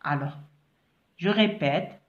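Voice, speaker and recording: Slow woman teacher spelling syllables. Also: on the low side, dull audio. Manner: slow, drawn-out syllables, mixing French with Algerian Arabic asides. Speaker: primary school French teacher. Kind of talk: reading lesson, spelling out syllables.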